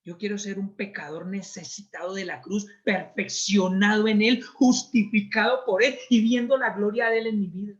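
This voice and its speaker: A man's voice: high voice, fairly even intonation, moderate pace, few pauses. Earnest preacher man, muffled recording. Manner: earnest, confessional, shifts between soft and emphatic. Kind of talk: sermon.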